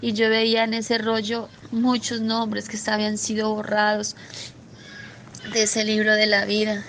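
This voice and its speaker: A woman earnestly recounting a religious vision in a spoken testimony, halting often and restarting her sentences. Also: mid-range voice, monotone, a bit bright, slight background noise. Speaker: believer sharing a vision testimony.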